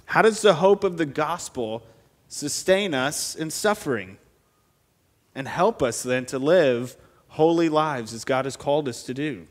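A man preaching from a pulpit microphone in a church sanctuary, his voice sitting somewhat high for a man. He talks earnestly and steadily, working through the text and putting question after question to the congregation. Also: lively intonation, unhurried, long reverb tail. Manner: earnest, asks the congregation many rhetorical questions. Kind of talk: expository sermon.

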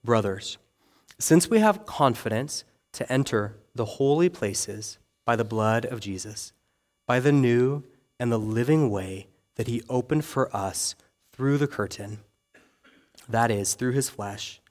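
A young adult man preaches a sermon to his congregation as their pastor, his medium-pitched, darkish voice animated yet measured in pace. His manner is conversational and self-deprecating, and he keeps checking in with "okay?" and "right?"

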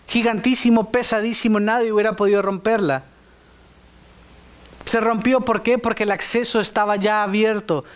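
A man preaching a sermon, speaking emphatically and putting questions straight to the congregation. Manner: emphatic, rising to high exclamations.

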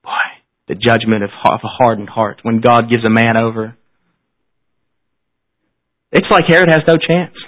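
A man's voice: mid-range voice, measured pace, long pauses, fairly bright tone. A man preaching at a pulpit microphone in a church service, solemn and exhortatory, using repetition and pointed phrasing. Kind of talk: sermon at a pulpit microphone, closing in prayer. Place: church service, speaking to a congregation. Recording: slightly dull, band-limited sermon recording.

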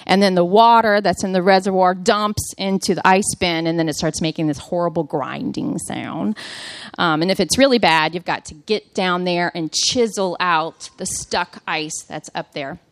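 A woman's voice: lowish voice, moderate pace, dry recording. A woman in her thirties giving a personal devotional talk to a mothers' group, telling a story with humor in a chatty way.

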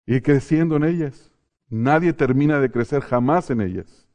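Mellow-voiced male pastor preaching. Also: medium pitch, normal speed. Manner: addresses the congregation as brothers, tells personal stories with laughter. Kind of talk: sermon.

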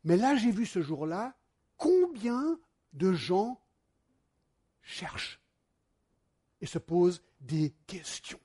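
A man delivers a sermon from home. His voice is high and a little husky. He shifts into lively storytelling and talks directly to his listeners. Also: slow pace, pauses often. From United States. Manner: animated storytelling, addresses the congregation directly. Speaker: pastor.

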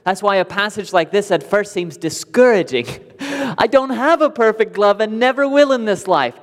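A man's voice: a little high, darkish tone, big-room sound. A male pastor preaching a sermon in a conversational way, with light laughs between points.

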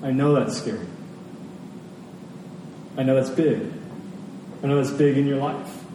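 An unhurried man with a mid-range voice gives a sermon to a congregation, speaking with emphasis and repeating phrases for effect. The sound is very echoey, as in a large hall, with a distant mic and faint noise.

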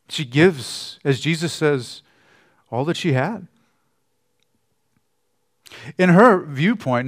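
Male pastor, slightly high voice, casual conversational sermon delivery, soft trailing phrase ends.

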